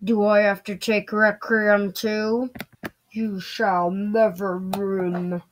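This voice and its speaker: A woman's voice: mid-range voice, little pitch movement, lightly acted. A woman playing a cackling Christmas monster villain. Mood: taunting. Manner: cackling, gloating, drawn-out threats. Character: boastful evil male Christmas monster villain. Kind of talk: playful home-video skit.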